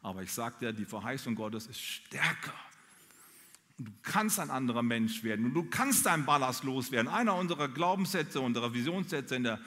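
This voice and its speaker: A man preaching a sermon, talking straight to his listeners in an animated way. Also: mid-range voice, fairly quick, big-room sound. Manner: animated, addresses listeners directly. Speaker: pastor.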